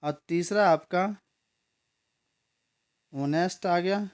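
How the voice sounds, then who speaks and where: Smooth-voiced man teaching grammar. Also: sits high. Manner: explains patiently, repeats words and asks "ठीक है?"; spells words out slowly letter by letter. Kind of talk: classroom grammar lesson.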